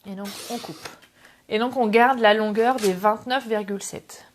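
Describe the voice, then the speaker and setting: A woman's voice: fairly high pitch, fairly even intonation, normal speed, background noise. Chatty French woman hosting a craft livestream. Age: middle-aged. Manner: chatty, greets viewers, self-deprecating asides. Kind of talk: casual live craft tutorial. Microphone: camera on tripod.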